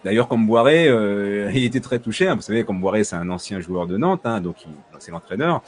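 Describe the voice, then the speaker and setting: A man's voice: fairly low pitch, lively intonation, brisk. A man hosting a casual sports news podcast, chatty and full of hesitations, restarts and jokey asides to his listeners. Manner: hesitant, heavy fillers and restarts. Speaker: podcast host.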